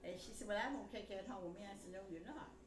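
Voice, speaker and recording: An older woman, a grandmother, tells family stories casually, rambling and blunt, acting out the conversations as dialogue. Her voice is medium-pitched and rapid-fire. The room echoes and there's background noise.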